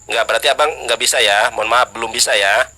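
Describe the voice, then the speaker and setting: A man's voice: steady tone, fast talker, bright, forceful tone. Insistent Sundanese man on a video call. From West Java, Indonesia. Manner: challenging, insistent, chants scripture in high sung tones. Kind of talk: live debate.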